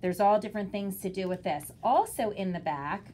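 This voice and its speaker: A woman with a medium-pitched voice speaks as a kindergarten teacher. She walks parents through instructions in simple steps. Some faint noise and room ambience sit behind her. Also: lively intonation, moderate pace, mellow. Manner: simple step-by-step explaining, sounding out words.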